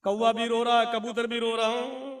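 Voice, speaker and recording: High-voiced, animated male preacher. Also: normal speed, roomy sound, far from the mic. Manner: animated storytelling. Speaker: Islamic preacher. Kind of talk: humorous religious speech.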